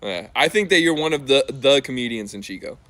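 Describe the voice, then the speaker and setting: Male co-host, bright forward tone, animated and jokey delivery. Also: medium pitch, a little fast, rough recording. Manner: joking, teasing banter. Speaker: podcast co-host. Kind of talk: casual chat.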